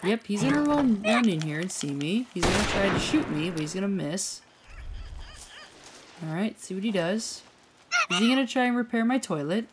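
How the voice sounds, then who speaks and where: A woman hosting a let's play, chatting casually and thinking out loud as she plays. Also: medium pitch, animated, normal speed, noisy background. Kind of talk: casual gameplay commentary. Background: loud game music.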